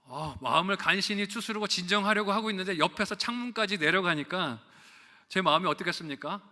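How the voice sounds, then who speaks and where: Brief: middle-aged male pastor, bright raised voice, church sermon with long reverb, storytelling with rhetorical questions. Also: sits high, fairly quick. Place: church sanctuary.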